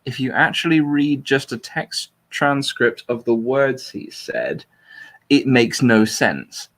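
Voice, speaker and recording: A talk show host with a medium-pitched, animated, fairly bright voice speaks slowly as he chats casually. He also reads out a transcript in a dry, informal, deliberately flat way.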